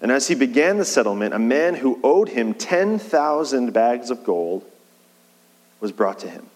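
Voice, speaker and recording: A man preaching a sermon in a relaxed, conversational way, shifting his pace and leaning on key words. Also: medium pitch, measured pace. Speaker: pastor. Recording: long reverb of a large hall.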